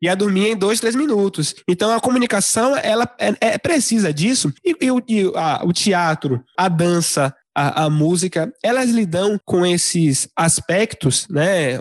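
A man's voice: high voice, no room sound, clean studio sound. A man in a casual discussion, explaining his views reflectively with frequent restarts and fillers. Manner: hesitant, many restarts and fillers.

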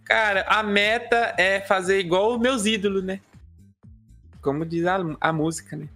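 A guest comedian from Minas Gerais, Brazil, chats and jokes on a casual podcast in his regional accent. His voice is high-pitched and his pace normal, and he stays animated, acting out quoted voices over soft background music.

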